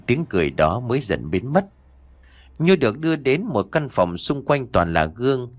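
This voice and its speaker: A man reading a horror story aloud as a steady, dramatic storyteller. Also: lowish voice. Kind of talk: scripted horror story narration.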